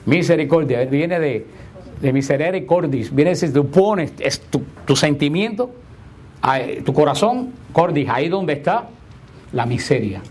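A male preacher gives a homily to his congregation in a slightly higher-than-usual voice. He leans on repeated rhetorical questions, slowing to stress key words and then rushing through asides. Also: expressive, a little mellow, slightly rough. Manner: emphatic, repeats rhetorical questions, shifts between slow stress and quick asides.

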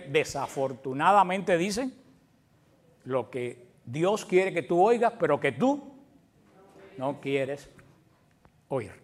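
A male preacher giving a sermon in a conversational way, often asking his congregation questions. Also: on the high side.

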